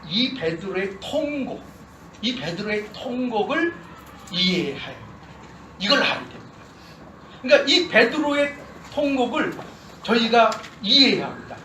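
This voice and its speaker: A man's voice: sits high, pushed and bright. A male pastor preaching a sermon, reading scripture and then explaining it with questions to the congregation. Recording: echoey church hall, distant mic, noise.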